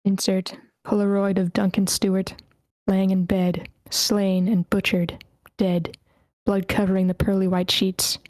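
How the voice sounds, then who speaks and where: A woman reading a screenplay's scene directions aloud at an online table read, steady but stumbling over character names. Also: mid-range voice, a little slow, dry recording. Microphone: computer mic in an online meeting.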